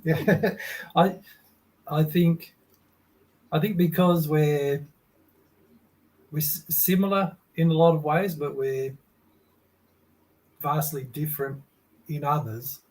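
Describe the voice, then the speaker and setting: A man being interviewed, relaxed and hesitant, with many fillers. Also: fairly high pitch, slow pace, pauses often, poor audio. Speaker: guest. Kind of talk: casual interview.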